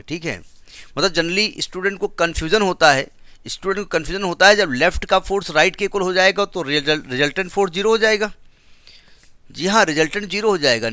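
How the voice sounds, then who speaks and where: A man's voice: sits high, sharp tone, no echo, clean studio sound. A man teaching a physics class, explaining step by step and asking the students questions, with an Indian English accent.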